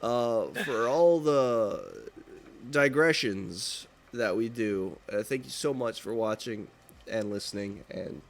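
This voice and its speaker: Low-voiced man rambling in casual chat. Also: lively intonation, takes it slowly. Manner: rambling, many fillers and restarts. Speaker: podcast co-host.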